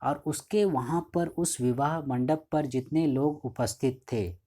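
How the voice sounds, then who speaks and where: गहरी, नरम आवाज़ वाला पुरुष शिक्षक. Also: male voice, on the high side, dark tone. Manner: reads English lines slowly, then explains in Hindi with repeated "ठीक है". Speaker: teacher. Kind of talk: line-by-line lesson explanation.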